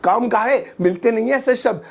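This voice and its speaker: A man's voice: extremely high pitch, fairly quick, creaky. A young man teaching English in a casual, jokey lesson, chatting with the viewer and acting out little family scenes.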